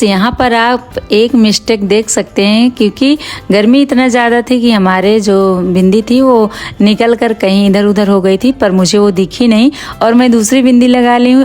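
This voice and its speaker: A woman's voice: a little high, darkish tone. A middle-aged woman vlogger narrating her day in a casual, chatty way, addressing viewers as friends. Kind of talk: casual vlog narration over home footage.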